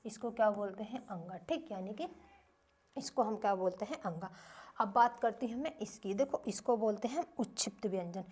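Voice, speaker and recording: A woman's voice: medium pitch, normal speed, a little mellow, husky. A woman teacher giving a grammar lesson to young children, asking short questions and answering them herself in a repetitive drilling rhythm.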